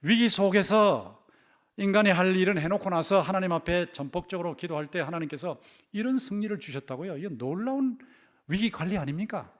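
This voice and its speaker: A man's voice: high voice, expressive, a little fast. A man preaching a Sunday sermon as pastor, stressing key words by repeating them and putting rhetorical questions to his congregation. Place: church sanctuary.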